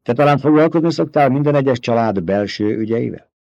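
A man reading the part of a stern, commanding young desert leader with a sharp, forceful way of questioning. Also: mid-range voice, lively intonation, vocal fry, dry recording, voice pushed up. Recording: dull, dry recording.

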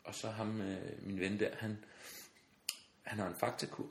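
A man's voice: on the low side, vocal fry. A man telling funny anecdotes in a casual podcast chat, acting out the voices in his stories and laughing often. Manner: animated storyteller, acts out voices, laughs often. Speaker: podcast guest. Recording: roomy sound with faint noise.

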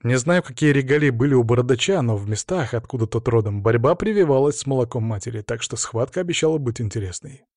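Brief: male first-person audiobook narrator, steady and measured, mid pitch, dry close-mic sound. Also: no echo.

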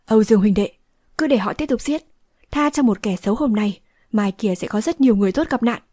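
A woman's voice: on the high side, fairly quick, darkish tone, no echo, lightly acted. A woman reading the part of a resolute young swordswoman who speaks firmly and decisively, in a dry close recording. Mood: vengeful. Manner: firm, decisive speech. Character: young heroine, resolute and fierce-tempered.

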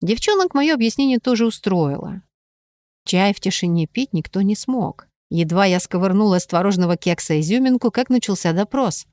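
A woman narrating a novel in the first person, with a wry, expressive reading. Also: medium pitch, normal speed, dry recording. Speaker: audiobook narrator.

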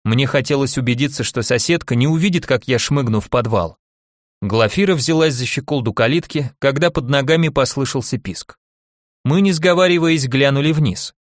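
A man's voice: mid-range voice, normal speed, no echo. Male audiobook narrator, dry close sound. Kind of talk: scripted first-person narration.

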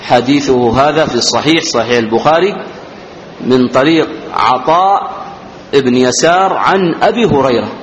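A man from Yemen giving a religious text-commentary lesson, speaking slowly and deliberately and repeating words for his students. His voice rises when he reads the quoted text aloud. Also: medium pitch, lively intonation. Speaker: religious teacher. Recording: roomy hall echo, dull lo-fi sound.

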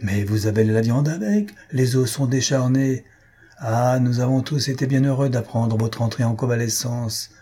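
A man's voice: mid-range voice, normal speed, mellow, slightly rough, lightly acted. A man reading aloud and voicing a middle-aged, pompous bourgeois father in a hearty, emphatic way. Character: pompous bourgeois father, eager to marry off daughter.

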